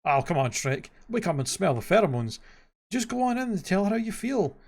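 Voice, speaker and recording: A man voicing an excitable, chatty donkey sidekick from an animated fairy tale, talking in a colloquial, exclamatory way. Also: high voice, fairly quick, pitched above the performer's own voice, exaggerated voice. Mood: insistent.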